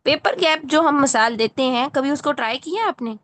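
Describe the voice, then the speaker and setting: A woman's voice: high voice, lively intonation, fairly bright tone. Patient woman teaching recitation. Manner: patient, corrective, checks in often. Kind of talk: online tajweed lesson.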